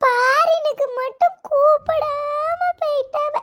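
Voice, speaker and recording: A sobbing, self-pitying cartoon mother. Her voice is very high and squeaky. She draws out every word in slow, dramatic wails. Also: fairly even intonation, fairly bright tone, full character voice. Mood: wailing. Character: wailing middle-aged mother left behind, self-pitying.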